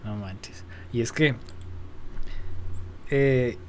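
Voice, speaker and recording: A man hosts a podcast conversation at a middle pitch. His voice is relaxed, with short slangy reactions and questions that wander as he works them out. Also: drawn-out words, slight background noise. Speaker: podcast host.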